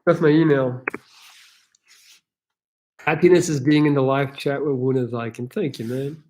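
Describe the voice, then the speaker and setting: A man's voice: medium pitch, fairly even intonation, measured pace, a little mellow. A man from Belgium with an American accent, hosting a casual live chat and answering viewers' questions in a frank, rambling way that restarts often.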